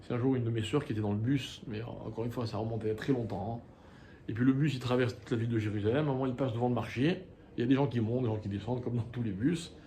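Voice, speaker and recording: A man in a middle register leads a Torah class as its rabbi. He teaches with lively rhetorical questions, quotes Hebrew passages and translates them, and often restarts his sentences. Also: mid-range voice, quick pace, a little hiss or hum. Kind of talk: lecture to a live class.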